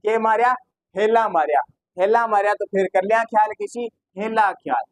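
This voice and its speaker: A man with a Rajasthani accent gives a classroom lecture in a fairly high voice. He fires quick questions at his students and answers them himself, dropping into local dialect as he goes. The sound is close and dry, with no room echo. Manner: slips into local dialect phrases. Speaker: exam-prep teacher.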